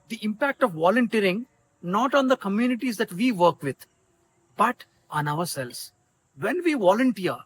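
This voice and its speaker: A male host with an Indian accent speaks in a conversational interviewing style. His voice is clearly high for a man, with a little noise in the background. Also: fairly bright tone, poor audio. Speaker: show host.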